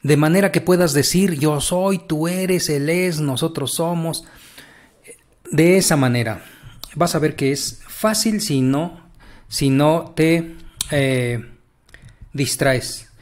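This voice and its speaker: A man's voice: fairly high pitch, slow, long pauses. A man teaching a casual language lesson, chatty and encouraging, stretching out words as he explains.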